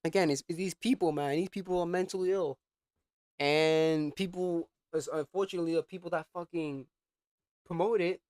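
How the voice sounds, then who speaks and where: A man's voice: on the high side, fairly even intonation, moderate pace, darkish tone, dry recording. A young adult man co-hosting a reaction show, ranting in casual chat with lots of stammered restarts, swearing and mockery. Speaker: co-host reacting to clips.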